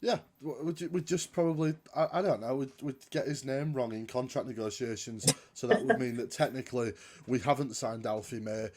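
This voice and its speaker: A man's voice: mid-range voice, brisk, few pauses. Guy co-hosting a footy podcast, dry jokey self-mocking humour. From Yorkshire, England. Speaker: podcast co-host. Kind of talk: casual football chat.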